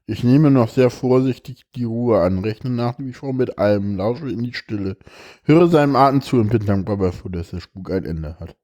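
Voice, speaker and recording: A tired man hosting a podcast, talking haltingly with many fillers and reading a text aloud with feeling. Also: medium pitch, animated, mellow. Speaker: podcast host.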